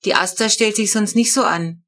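A woman's voice: mid-range voice, moderate pace, fairly bright tone. A woman reading a storybook, voicing a man with a dog who sounds astonished and pitying. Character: middle-aged man, dog owner, sympathetic.

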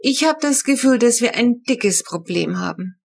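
A woman voicing a tired, practical mother in a storybook reading, weary and soft-spoken. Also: fairly high pitch, animated, normal speed, gravelly, breathy edge, pitched above the performer's own voice, exaggerated voice. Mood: worried.

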